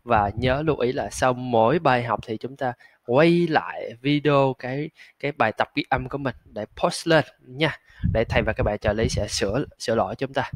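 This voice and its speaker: Guy teaching english sounds, drags the example words out slow, lots of "uh", dry close sound. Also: medium pitch, no echo. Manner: slow, drawn-out model words, frequent filler "à". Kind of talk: pronunciation lesson.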